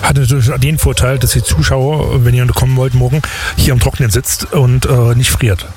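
A man's voice: mid-range voice, flat delivery, moderate pace, a little mellow, soft background music. A man hosting a radio show, chatting and interviewing in a casual, conversational way. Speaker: radio host.

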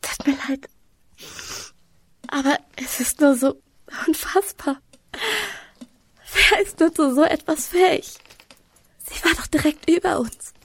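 An actress playing a grieving young noblewoman in a murder-mystery drama, crying and sniffling as she speaks haltingly. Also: sits high, bright, forceful tone, dry recording, full character voice. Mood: tearful grief. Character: grieving, tearful young noblewoman, earl's daughter.

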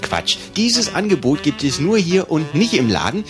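A man playing an overeager shopping-channel salesman, delivering a showy parody infomercial pitch. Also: sing-song, moderate pace. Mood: eager selling. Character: overeager male shopping-channel salesman hawking household goods. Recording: music bed behind the voice.

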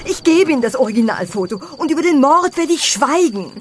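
An actress playing a haughty, condescending blackmailer in a crime audio play. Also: female voice, lowish voice, lively intonation, moderate pace, a little hiss or hum, lightly acted. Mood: panicked. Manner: haughty, mock-civil. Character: smug, condescending female blackmailer.

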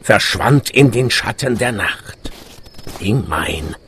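A man narrates a dramatic story in a fairly deep voice. His pace is slow and measured, with literary phrasing, over faint ambient noise. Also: lively intonation, a bit bright.

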